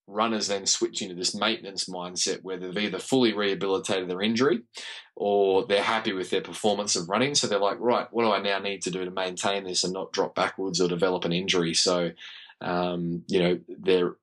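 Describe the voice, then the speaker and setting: An Australian man with a croaky, frog-in-the-throat voice, explaining conversationally as a podcast guest. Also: sits low, fairly even intonation, a little fast, a bit bright, low-quality recording. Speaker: podcast guest, running physiotherapist.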